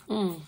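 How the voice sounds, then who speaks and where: A woman's voice: mid-range voice, pushed and bright, husky. Woman talking with her mouth full. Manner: chatty, savoring with long hums. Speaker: food vlogger. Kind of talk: casual food review.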